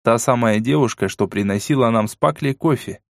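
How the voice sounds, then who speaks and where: A man narrates a first-person story in an even, matter-of-fact way. His voice sits at a middle pitch, and the recording is dry and close, with no room sound. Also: brisk, vocal fry, no room sound. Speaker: audiobook narrator.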